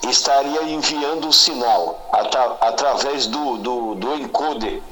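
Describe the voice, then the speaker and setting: A man's voice: mid-range voice, measured pace, fairly bright tone, rough recording. A man calling in by phone, heard over a speakerphone, patiently explaining something with everyday comparisons. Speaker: radio guest on the phone. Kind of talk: explaining by phone in casual conversation.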